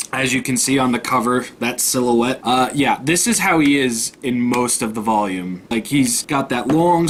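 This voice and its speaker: A man talks through a manga volume in an easygoing, unscripted way, retelling the plot and swearing now and then. His voice sits at an ordinary middle pitch. A faint hiss runs under the recording. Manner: casual, recounts plot with quoted lines, swears. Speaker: manga reviewer. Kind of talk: casual spoken book review.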